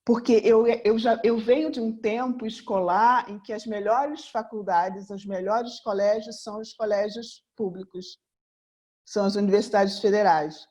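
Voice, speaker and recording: The same kind of seminar: a mentor and therapist from Rio, Brazil, in her fifties, speaks earnestly to a live audience, circling back repeatedly to a single rhetorical question. Her Brazilian Portuguese-accented voice is medium-pitched and darkish, with fairly even intonation at a measured pace.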